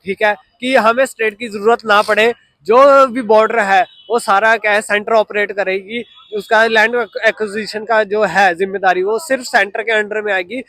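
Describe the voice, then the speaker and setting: A man with a fairly high, bright voice, asking pointed questions as an interviewer. He probes hard but trips over words now and then. The sound is dry and close. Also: steady tone, moderate pace, no room sound.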